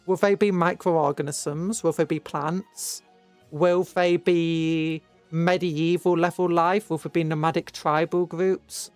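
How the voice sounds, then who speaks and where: Speaking slowly with a steady, darkish mid-range voice, a British VTuber chats loosely with viewers during a livestream with background music. The talk rambles and muses, and they often pause to correct themselves.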